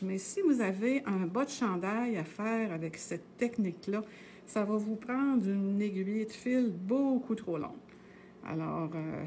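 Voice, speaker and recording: A middle-aged woman with a Québécois French accent walks viewers through a knitting technique at home. Her talk is loose and chatty, with frequent pauses and filler words. Her pitch sits in the middle of the range, and a faint room ambience hums behind her. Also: mellow, slight background noise. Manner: chatty and meandering, with many "euh" and tag "là". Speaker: knitting instructor on a live stream. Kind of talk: casual live knitting tutorial.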